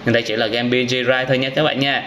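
Speaking fast with a level, fairly bright tone at medium pitch, this young southern Vietnamese gaming host narrates with exclamations, frequent wows, and remarks aimed at his young audience. His commentary is casual reaction talk. Sirens and in-game vehicle noise are clearly audible throughout.

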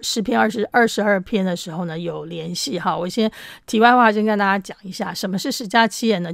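A woman's voice: medium pitch, dry recording, studio quality. Chatty woman teaching a Bible lesson. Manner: chatty, explanatory, frequent tag particles.

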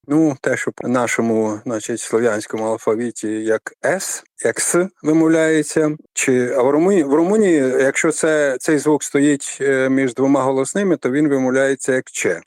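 Older male academic guest, measured lecturing delivery with hesitations, mid pitch, dry studio. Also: no echo. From Ukraine. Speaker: literary scholar guest. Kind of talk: radio interview.

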